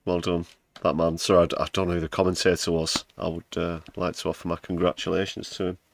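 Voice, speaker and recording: A man's voice: sits low, flat delivery, brisk, creaky. A man from the United Kingdom hosting a livestream, giving casual, wry commentary on news clips with sarcastic asides. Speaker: livestream host.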